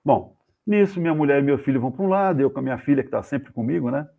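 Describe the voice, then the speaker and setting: A man with a Brazilian accent, a guest journalist, telling anecdotes in a casual, animated way and acting out the voices of the people in them. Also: medium pitch, quick pace, vocal fry. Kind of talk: casual storytelling. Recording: tinny phone-like video call audio.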